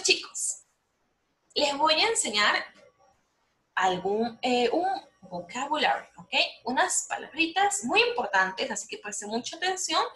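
A young adult woman teaching English to young children, explaining slowly and patiently, repeating herself and checking they follow, lively and encouraging. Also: sits high. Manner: slow, patient explaining with lots of repetition and check-ins. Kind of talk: online lesson for young children. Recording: roomy echo.

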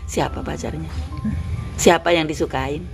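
A woman's voice: low-pitched, steady tone, measured pace. A woman caretaker, coaxing and scolding in a firm, repetitive, motherly way. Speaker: caretaker at a shelter. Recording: background music over speech.

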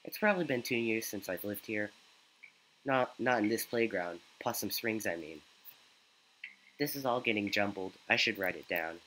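A man's voice: fairly low pitch, lively intonation, normal speed, bright, forceful tone, slight background noise, poor audio. A man giving joking let's play commentary, making goofy asides while he plays. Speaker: gaming YouTuber.

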